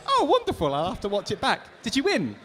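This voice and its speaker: A man's voice: sits high, wildly swooping pitch, fast, a bit bright, big-room sound. A British man interviewing competitors after their fights in an upbeat, exclamatory way. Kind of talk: cheerful post-fight interviews.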